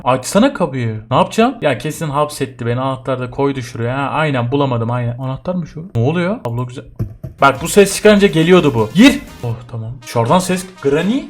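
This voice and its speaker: A man's voice: mid-range voice, lively intonation, brisk, soft background music. A young man, joking and yelping through a horror game as he plays it. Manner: jumpy, yelps and jokes while scared. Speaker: gaming YouTuber. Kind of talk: horror game let's play commentary.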